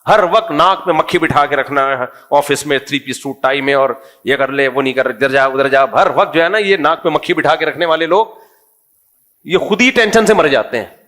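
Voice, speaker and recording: A middle-aged religious scholar with a slightly high, bright, forceful voice gives a humorous, conversational religious talk, quizzing his audience as he goes.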